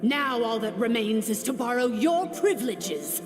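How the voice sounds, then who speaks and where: A woman's voice: fairly high pitch, expressive. A woman voicing an almighty dragon lord in a video game, a haughty ancient female tyrant who speaks with grandiose scorn. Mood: menacing. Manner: grandiose, scornful, slow and commanding. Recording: game audio with long reverb. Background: game music.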